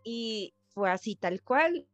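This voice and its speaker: Woman, podcast host, excitable storyteller, fairly high voice, soft music behind. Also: slow pace. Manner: excitable, jokey, reacts loudly. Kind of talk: casual chat telling paranormal stories.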